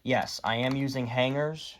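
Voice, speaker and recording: A hobbyist video creator shows off his radio collection in a casual, unscripted show-and-tell chat, rambling and getting easily exasperated. His voice is mid-range and steady at a normal speed, with slight background noise.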